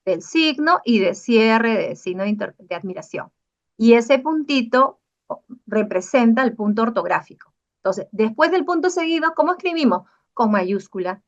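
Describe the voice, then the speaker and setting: A woman's voice: a little high, highs cut off. A woman lecturer giving an online class, explaining step by step and checking in with the students through frequent tag questions.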